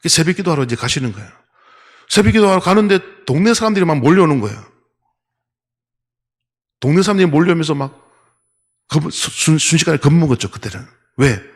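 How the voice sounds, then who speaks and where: A man's voice: on the high side, expressive, a little fast, long pauses. A man preaching a sermon as senior pastor in a church, telling a story with animation and asking the congregation rhetorical questions. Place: church sanctuary.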